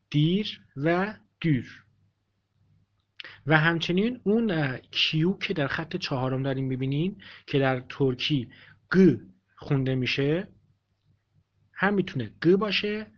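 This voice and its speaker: A man teaching a language lesson, explaining patiently and repeating each example sentence with many pauses. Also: fairly high pitch. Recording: dull lo-fi recording.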